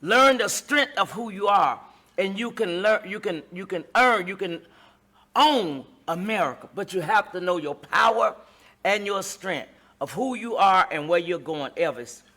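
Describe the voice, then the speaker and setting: Delivering preaching-style relationship advice, this middle-aged host speaks emphatically in a repetitive cadence like a sermon. Her medium-pitched voice is animated, a bit bright, and a little slow.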